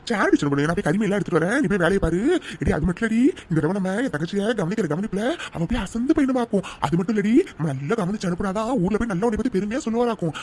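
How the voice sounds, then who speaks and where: A performer voicing a sly, easygoing village husband in a cartoon who flatters and coaxes. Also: medium pitch, racing, natural voice. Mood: coaxing. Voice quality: coaxing, flattering. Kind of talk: cartoon voice acting.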